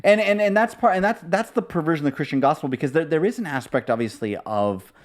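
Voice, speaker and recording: A man's voice: on the high side, animated, fast. A seminary-trained man on a casual panel podcast, talking emphatically and repeating words as he builds a point.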